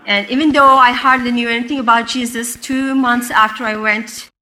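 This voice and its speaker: A woman from Turkey with a Turkish accent, a native Turkish speaker, giving an earnest personal faith testimony in a chapel, halting and restarting as she speaks. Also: on the high side, steady tone, bright, forceful tone, rough recording. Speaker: guest speaker sharing testimony.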